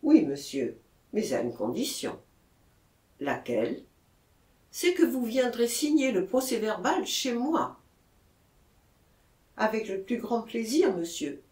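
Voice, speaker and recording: A woman reading an audiobook, voicing a kindly mayor who speaks with calm, gentle authority. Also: high-pitched, slow, long pauses, distant mic, pitched above the performer's own voice, exaggerated voice. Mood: courteous. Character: kindly, measured older male mayor. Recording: echoey room.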